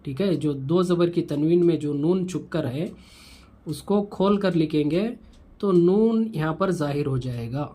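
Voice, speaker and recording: A man teaching Quran reading, patiently repeating each syllable of the lesson slowly for learners. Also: fairly high pitch, dark tone. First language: Urdu. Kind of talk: slow recitation lesson.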